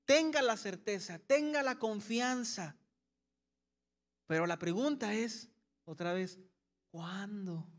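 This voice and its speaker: A man preaching a sermon as pastor, acting out anxious prayers and answering them softly. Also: sits high, takes it slowly, long pauses. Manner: preaching with voiced-out anxious questions and soft calming asides.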